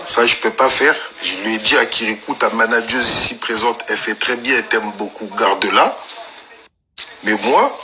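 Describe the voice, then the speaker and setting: A young man casually telling an anecdote in slangy, animated street talk. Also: mid-range voice, a little hiss or hum. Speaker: storyteller guest.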